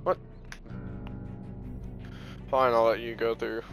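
A man's voice: mid-range voice, level tone, slow, over music. Laid-back man commenting on gameplay. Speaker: gameplay streamer.

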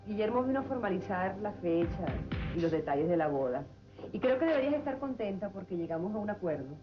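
A woman's voice: mid-range voice, sing-song, fast talker, close to an everyday voice. A woman playing a domineering matriarch. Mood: commanding. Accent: Venezuelan. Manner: commanding, sharp-tongued. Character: domineering woman head of household. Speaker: Eva, family matriarch. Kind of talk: 1990s telenovela acting. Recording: dull lo-fi TV audio with music.

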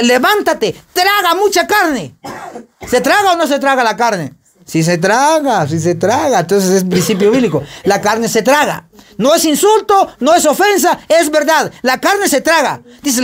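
High-pitched pastor guy preaching, keeps asking the church questions. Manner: emphatic questioning of the congregation. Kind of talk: sermon.

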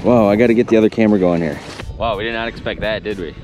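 A young man vlogging his fishing trip outdoors on a frozen lake, talking excitedly and laughing often into an action camera. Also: lowish voice, rapid-fire, faint music behind. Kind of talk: excited outdoor vlog chat. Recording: outdoor wind noise on camera mic.

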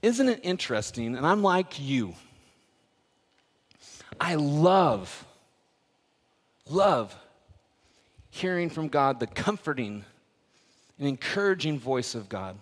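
A middle-aged male pastor delivers a sermon in a slightly high voice. He moves between forceful emphasis and quiet, hushed asides, with easy self-deprecating humor. His voice carries a long reverb from a church sanctuary. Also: very animated, slow pace, pauses often, husky.

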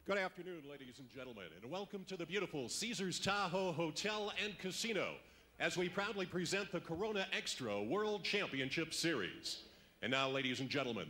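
A man announcing a boxing match from the ring, drawing out the fighters' introductions. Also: fairly bright tone. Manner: booming, drawn-out introductions. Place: arena ringside.

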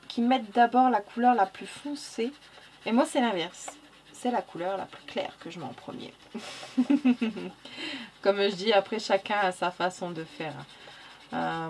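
A woman's voice: mid-range voice, slight background noise. A woman with a non-standard French accent chatting casually through a coloring tutorial, correcting herself, muttering "hop" as she works and laughing at her own slips. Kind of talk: casual narrated drawing tutorial.

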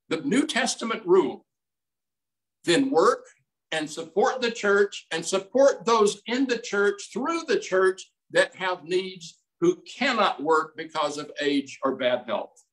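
A man in his eighties preaching a sermon as pastor, slow and emphatic in a folksy way, recorded on a desk mic in a small room. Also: high voice, a bit bright, low-quality recording. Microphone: desk mic on stand, streamed over video call.

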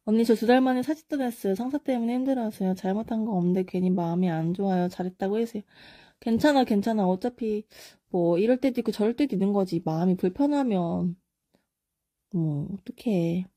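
A young woman casually chatting on a live stream, reading viewer comments aloud and answering quick either-or questions. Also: medium pitch, mellow, no echo, studio quality.

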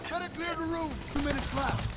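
A commanding bank robber from a video game. The voice is very high in pitch, terse and aggressive, barking short orders like a bossy criminal. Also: male voice, fairly even intonation, a little fast, noisy background.

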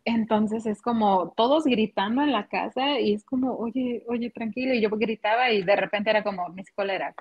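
A woman with a Mexican accent chatting casually, animated, laughing often and acting out what people said. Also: fairly high pitch, normal speed, hardly any pauses, breathy edge. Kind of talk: casual chat. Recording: dull lo-fi audio.

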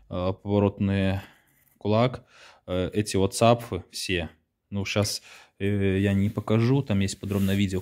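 Male home mechanic, somewhat low voice, halting, filler-heavy garage walkthrough. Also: darkish tone. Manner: halting, many fillers and restarts. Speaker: home mechanic showing his build.

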